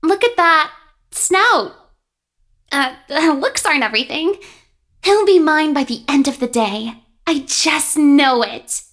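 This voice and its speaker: A woman voicing a lovesick, obsessive, girlish animatronic in a video game, with breathy, dreamy swooning. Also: high voice, lively intonation, takes it slowly, fairly bright tone, full character voice. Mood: scheming infatuation. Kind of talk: video game character acting.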